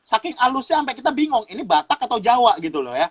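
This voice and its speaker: A man from Sumatra talks like a lively preacher in a relaxed chat. His voice is husky, and his pitch swings widely as he repeats his points. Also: fast talker, poor audio. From Sumatra, Indonesia. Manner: lively preacher-style explaining with laughs and repeated phrases. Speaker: guest youth speaker.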